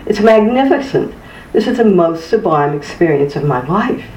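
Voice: medium pitch, lively intonation, normal speed, darkish tone, a little hiss or hum, natural voice. Narrator putting on an eager creature guy with hooves, exclaims, sounds far off in a roomy space. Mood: awed. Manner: earnest, emotional, exclaiming. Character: excitable male bull-like creature with hooves and tail. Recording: distant, roomy, dull-sounding recording.

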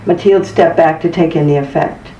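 A narrator reading a story aloud in a measured, even way. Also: mid-range voice, a little hiss or hum. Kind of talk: scripted audiobook narration. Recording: distant, roomy, dull-sounding recording.

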